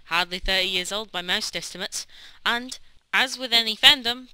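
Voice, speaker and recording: A woman's voice: medium pitch, pushed and bright, smooth, no room sound, rough recording. A woman delivering scripted narration as the narrator and interviewer of a documentary.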